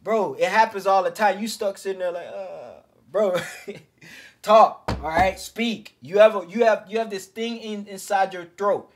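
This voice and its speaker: A self-improvement coach talks to other men about social skills in a loose, high-energy monologue, packed with slang and cursing, addressing his viewers as G and fellas. His voice sits high, and he keeps a measured pace.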